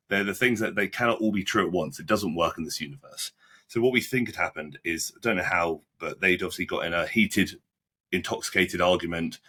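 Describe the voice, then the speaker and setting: Husky-voiced young man telling a story. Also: sits low, pushed and bright. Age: 20s. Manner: halting, frequent restarts and repeated words; blunt, plain-spoken with British slang. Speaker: podcast guest. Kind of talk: casual interview storytelling.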